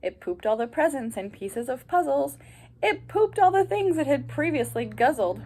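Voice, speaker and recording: With a high voice and normal speed, a woman reads a picture book to children the way a teacher might. She keeps it lively, tossing asides and questions to the young audience.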